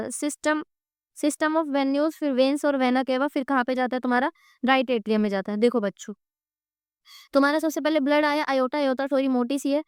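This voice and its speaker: A woman's voice: sits high, no echo, studio quality. A woman teaching an exam-prep lecture in Hindi-English with an Indian accent, asking her students question after question while she draws. Her throat is sore. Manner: quizzing students with repeated questions; drawing on a board while explaining.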